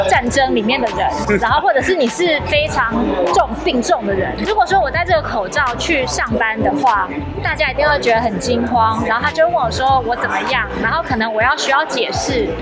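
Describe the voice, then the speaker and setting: A woman's voice: high voice, lively intonation, a little fast, over loud music. A woman from Taiwan with a Taiwanese Mandarin accent, telling a story in casual chat and linking her thoughts with "and then". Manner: storytelling, strings clauses with "然后". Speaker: guest.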